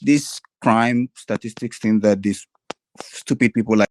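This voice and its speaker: A man from Ghana calling in to a talk show, speaking politely and haltingly with many ums over a conference call line that keeps breaking up. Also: lowish voice, fairly even intonation, noisy background. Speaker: caller. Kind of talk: casual call-in chat.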